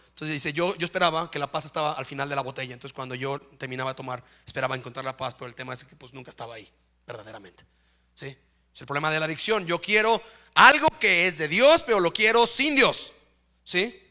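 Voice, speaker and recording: A man's voice: on the high side, sharp tone. A man preaching a sermon in church, often checking in with his listeners. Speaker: pastor.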